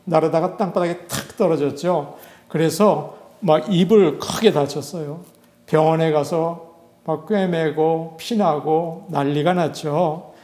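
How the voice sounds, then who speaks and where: A male pastor with a somewhat high voice preaches a sermon, talking to his congregation in a conversational way. He acts out the voices of the people he quotes. The sound is roomy and echoing. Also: darkish tone.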